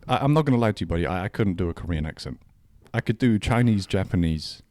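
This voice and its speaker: Low and a little mellow, this man's voice is animated yet moderately paced as he co-hosts a laid-back podcast. He laughs often, keeps restarting sentences, and talks slangily.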